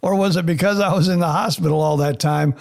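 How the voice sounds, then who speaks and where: A man hosting a podcast in an easygoing interview, his voice fairly high for a man. The voice has a strong gravelly creak. He speaks loosely, with uh fillers and many restarts. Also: fast, darkish tone. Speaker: podcast host. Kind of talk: casual interview.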